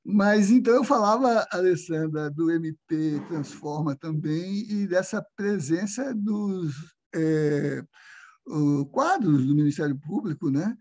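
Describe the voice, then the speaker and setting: An older Brazilian man giving an academic lecture over a video call, speaking slowly and hesitantly with many fillers. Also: a little high, animated, a little mellow.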